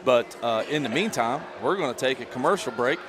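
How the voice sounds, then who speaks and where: A man calls high school wrestling matches live. He is folksy and excitable, and the gym behind him is clearly noisy. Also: brisk. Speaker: play-by-play announcer.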